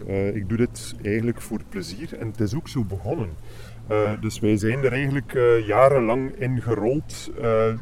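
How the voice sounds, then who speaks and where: A Flemish man whose voice is electronically disguised to hide who he is, speaking at a middling pitch. He talks haltingly, full of filler sounds and restarts. A faint hum of outdoor noise sits behind him. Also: darkish tone. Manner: hesitant, many fillers and restarts. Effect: voice digitally disguised for anonymity. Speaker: interviewee, part-time gigolo. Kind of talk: casual interview. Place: outdoors on a park bench.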